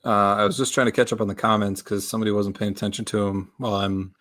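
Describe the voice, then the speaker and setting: A man's voice: lowish voice, quick pace. A man co-hosting a casual sports betting show, reading viewer comments aloud and laughing often. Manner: chuckling, reads out viewer comments in a lively way. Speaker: co-host reading picks and chat comments.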